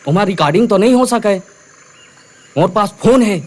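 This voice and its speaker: A man's voice: high voice, lively intonation, moderate pace. An actor playing a worried male villager, calling out anxiously to help a hurt man. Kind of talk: Hindi film dialogue.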